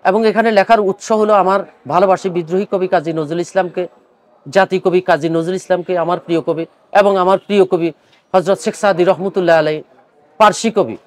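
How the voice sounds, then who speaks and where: Older man, a poet. High, earnest voice, recorded dry, reciting verse. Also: dry recording. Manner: earnest, pleading; mixes English words into speech. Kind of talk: speaking to camera at a book fair; poetry recitation.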